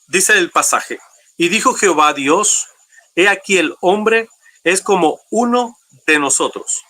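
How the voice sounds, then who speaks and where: A man's voice: on the high side, bright, forceful tone. A man from Panama, a pastor, speaking courteously and formally in a debate, emphatic as he poses his question.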